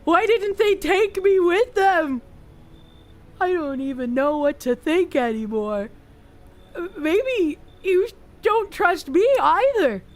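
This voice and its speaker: A woman's voice: very high voice, animated, takes it slowly, exaggerated voice. A woman voicing an anxious, dim young man who has been left alone, talking in a frightened, pleading ramble. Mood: scared, pleading.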